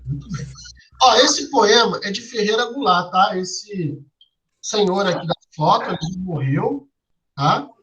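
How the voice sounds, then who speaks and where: A man's voice: sits high, lively intonation, unhurried, pauses often, a bit bright, slight background noise, low-quality recording. A male teacher explaining a lesson step by step to a class, asking them questions and tagging his lines with "né?" and "tá?". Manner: tags lines with "né?" and "tá?".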